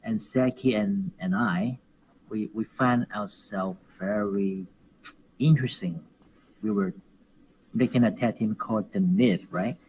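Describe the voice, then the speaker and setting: Unhurried and lowish in voice, this Hong Kong professional wrestler is a guest in a relaxed interview. He's animated and quick to laugh, often repeating words as he searches for what to say. Slight background noise sits under a poor recording.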